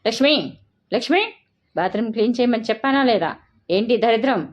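A woman's voice: mid-range voice, big pitch swings, unhurried. A woman narrator voicing a bossy, short-tempered young husband who scolds and barks orders, in a storybook reading. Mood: angry. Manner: scolding, commanding, shouting. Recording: dull lo-fi recording.

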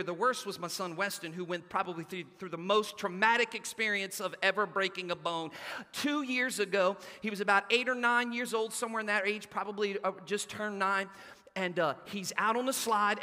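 A man preaches in a church, his voice unusually high and bright. He tells his story with animation, and long reverb from the sanctuary trails each phrase. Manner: animated storytelling, acting out quotes. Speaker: pastor. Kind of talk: sermon with personal story.

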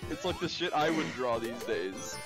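A man talks in a loose, casual way with a co-host, blunt and quick to curse. His voice sits at an ordinary middle pitch. Music plays clearly underneath. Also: expressive. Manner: blunt, swears freely. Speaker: podcast co-host. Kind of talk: casual chat.

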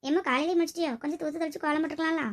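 A woman's voice: high voice, flat delivery, racing, close to an everyday voice. Woman doing a grumbling mother-in-law. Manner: grumbling, muttering to herself. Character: nagging middle-aged mother-in-law, self-pitying.

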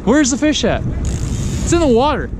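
A man's voice: very high voice, very animated, a little slow. A man on a fishing boat at sea, joking around and narrating the catch for the camera. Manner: playful, jokey, quotes movies, narrates for the camera. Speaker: fishing charter crew. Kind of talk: joking banter and commentary. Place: open boat at sea, outdoors. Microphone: action camera on the boat. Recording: loud wind and boat noise.

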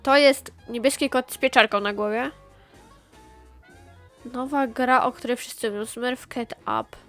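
A woman with a slightly high voice talks her way through a video game, chatty and excitable, firing off quick exclamations and repeating herself as she plays. Soft game music runs faintly behind her. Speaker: gaming channel host. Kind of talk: excited gameplay commentary.

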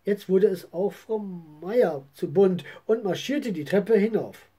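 A woman reading a story aloud in an expressive way, now and then correcting herself. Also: mid-range voice, slow, husky.

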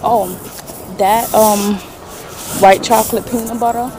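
A woman's voice: on the high side, fairly even intonation, a little slow, noisy background. A young woman vlogging in casual chat, blunt and slangy with some swearing, filming on a handheld phone at arm's length outdoors and in a store. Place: city street outdoors, then inside a discount store. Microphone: handheld phone camera at arm's length.

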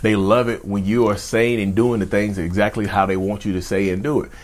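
A man's voice: on the low side, level tone, a little fast. A man in his thirties hosting a mental health channel, talking straight to camera in an emphatic, repetitive way and calling viewers y'all. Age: 30s. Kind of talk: direct-to-camera advice talk. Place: indoor studio with backdrop.

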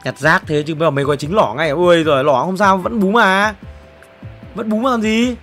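A young man, streaming himself opening player packs in a football game. He is excitable and swings from loud exclamations to low muttering. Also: fairly quick, soft background music. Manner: excitable, exclamatory, jumps between shouting and muttering.

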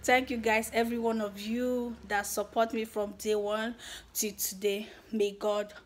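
Young nigerian woman talking to her subscribers, excited and a bit emotional, mixes pidgin in, voice on the higher side. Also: measured pace. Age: young adult. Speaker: YouTuber. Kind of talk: casual vlog to subscribers.

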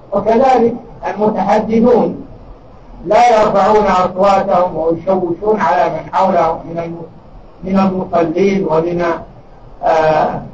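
An older man with a Saudi Arabian accent, giving a religious lesson and answering questions in a measured, emphatic way, heard in a large mosque hall on a distant, dull recording. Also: high voice, background noise.

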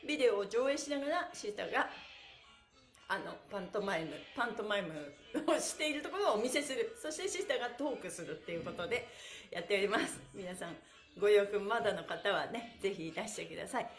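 A middle-aged woman with a medium-pitched voice talks fast while hosting a livestreamed stretch class, with faint music behind her. Cheerful, giggly, and encouraging, she chants counts and slogans with plenty of energy and chats to viewers; she's also a pantomime performer. The phone or camera sits a short distance off in a small, bare-walled room, so the sound is echoey.

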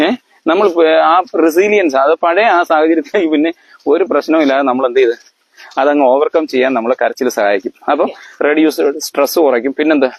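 A man whose voice is fairly high explains things to his family in a lecturing manner, captured on a dry recording with dull audio. Full of fillers and restarts, he repeatedly pauses to quiz them and ask if they understand.

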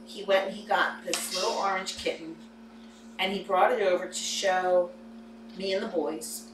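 A woman in her forties hosts a cat playroom stream, telling stories in an easy, chatty way and cooing gently at the kittens. Her voice sits in the middle of the range and sounds far from the mic. The room is echoey, and steady background noise runs underneath. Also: medium pitch, moderate pace. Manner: chatty storyteller, coos softly to the kittens. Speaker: host of a kitten rescue livestream. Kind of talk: casual chat and talking to kittens. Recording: roomy, distant mic, noisy background.

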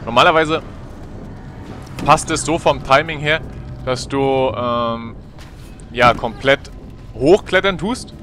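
A man giving casual, slangy, excitable gameplay commentary. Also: mid-range voice, takes it slowly, long pauses, faint music behind. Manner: colloquial, slangy, swearing, excitable. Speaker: let's player.

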